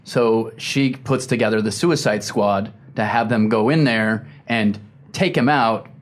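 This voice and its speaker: A man co-hosting a podcast in casual chat, relaxed and chuckling as he recounts things. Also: fairly low pitch, measured pace. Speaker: podcast co-host.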